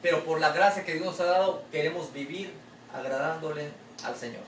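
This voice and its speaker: A man pastor delivers a sermon in a chatty, conversational style, peppering it with rhetorical questions and addressing the listener as brother. His voice sits a bit high for a man. It is picked up by a mic some distance away in a roomy, echoing church with a faint ambient hush behind him. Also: fairly even intonation, fairly quick, a little hiss or hum. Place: church sanctuary.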